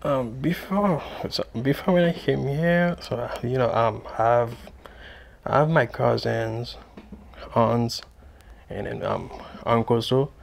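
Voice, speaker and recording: Man, gravelly, halting, lots of fillers, faint noise. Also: medium pitch. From Haiti. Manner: halting, many fillers and repeats. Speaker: guest, English student. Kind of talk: interview answers. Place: TV studio.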